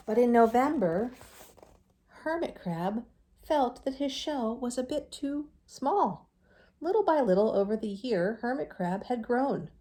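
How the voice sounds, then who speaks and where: A woman teacher reads a storybook aloud to young children with plenty of expression, adding chatty asides and gentle questions to check they're following. Her voice sits on the high side.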